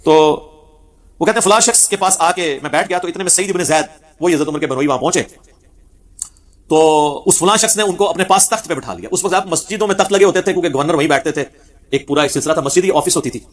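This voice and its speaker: A man giving a religious lecture on hadith, telling the stories vividly and acting out the quoted speech. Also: on the high side. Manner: animated storyteller who acts out quoted speech. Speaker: Islamic preacher.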